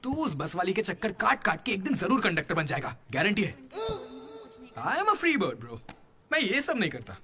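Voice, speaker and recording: A young man dubbing a cocky male student who talks loud and teasing. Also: sits high, big pitch swings, normal speed, exaggerated voice. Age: young adult. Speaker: college student. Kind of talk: Hindi film dubbing. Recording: film score behind. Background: music.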